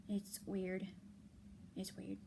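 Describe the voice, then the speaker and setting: Exhausted late at night, a young vlogger complains to her viewers quietly and with hesitation, frequently half-whispered and heavy on fillers. Her mid-range, slightly hoarse voice stays monotone, and there's slight background noise.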